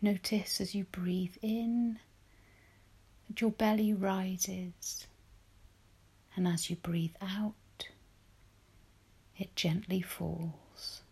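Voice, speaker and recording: Woman, soft spa whisper, very breathy, slow pace, gentle soothing guided meditation delivery. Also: medium pitch, steady tone. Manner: soothing, gentle, unhurried with long pauses.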